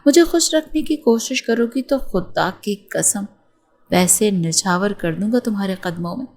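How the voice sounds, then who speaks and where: A woman's voice: medium pitch, a little mellow, lightly acted. Storybook read-aloud: a woman putting on a cocky wealthy young man, mocking and menacing. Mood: threatening.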